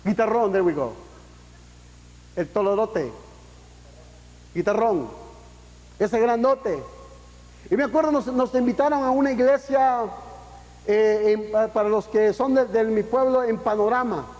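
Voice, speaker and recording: Man, pastor, high voice, impassioned sermon, rhetorical questions, casual English asides, long hall echo. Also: a little slow, long pauses, a little mellow. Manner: impassioned, with rising emphatic peaks and rhetorical questions; mixes in casual English phrases. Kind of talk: preaching a sermon.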